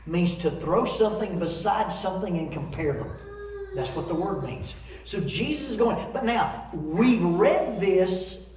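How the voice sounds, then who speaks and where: A man preaching a sermon in a church, telling stories in a folksy, animated way. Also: sits high, slight background noise. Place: church sanctuary. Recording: echoey church from far off.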